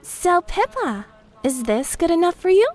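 A man voicing a cheerful, scheming young woman in a fan audiobook, high and bubbly. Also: big pitch swings, measured pace, exaggerated voice. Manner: bubbly, high and breathy, faux-whimpering when playing lost.

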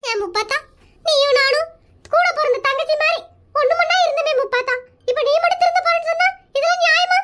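A woman's voice: very high voice, fairly quick, sharp tone. A woman voicing a nosy, dramatic neighbour woman in a cartoon comedy, speaking in a whining, theatrical, wheedling way. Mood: whiny.

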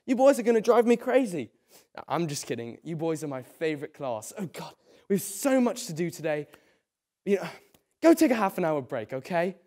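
A moody, flustered history teacher, played by a young man as a comic teacher impression. The delivery is hesitant and dramatic, with a very changeable pitch. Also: darkish tone. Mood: soft, indulgent. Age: young adult. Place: school classroom.

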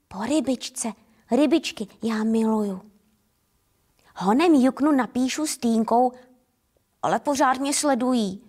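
Woman, Czech accent, high voice, gentle playful storybook narration. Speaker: storyteller reading to children. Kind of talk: first-person fairy tale narration.

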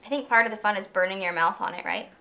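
A woman's voice: mid-range voice, quick pace, bright, forceful tone. A young woman co-hosting a casual cooking show, cheerfully walking through each ingredient step by step. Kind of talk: casual recipe walkthrough.

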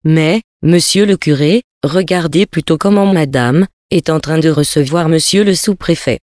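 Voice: medium pitch, normal speed, a little mellow, dry recording, clean studio sound, lightly acted. A cheeky young chambermaid, as a reader puts her on. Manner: brazen, gossipy.

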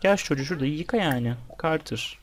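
A man's voice: fairly high pitch, animated, quick pace, background noise. A young man giving casual let's-play commentary, chatting with the game's characters and with his viewers as he plays. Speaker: gameplay commentator.

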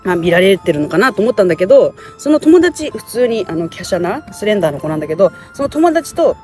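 Female vlogger, casual outdoor chat, animated intonation, music in the background. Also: mid-range voice, fast talker. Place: outdoors, street and grassy riverbank. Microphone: phone or camera at short distance.

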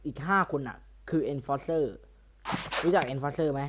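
A man's voice: fairly high pitch, steady tone, slow pace, noisy background. A man running a roleplay server, interviewing players over voice chat in a blunt, crude, teasing way. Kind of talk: casual voice chat.

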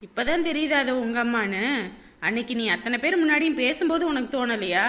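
A stern, lecturing sister-in-law. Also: female voice, a little high, lively intonation, quick pace, a bit bright. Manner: reproachful, explaining at length.

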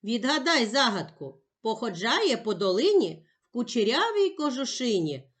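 A woman teaching young children in a patient, emphatic way, sounding out each letter slowly. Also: on the high side, very animated. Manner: patient, sing-song and emphatic, spelling out sounds one by one. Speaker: primary school teacher. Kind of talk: slow, clear classroom instruction for young children.

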